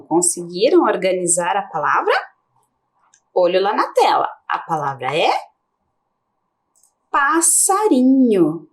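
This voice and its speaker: A Brazilian woman teaching a televised lesson to small children, her fairly high voice rising and falling in a lively sing-song. She slows down and draws out key words so the class can follow. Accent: Brazilian Portuguese.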